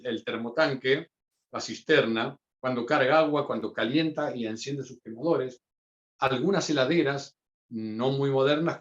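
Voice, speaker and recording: A man, leading a teacher training discussion and explaining calmly with many examples. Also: medium pitch. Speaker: course instructor. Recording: dull lo-fi sound.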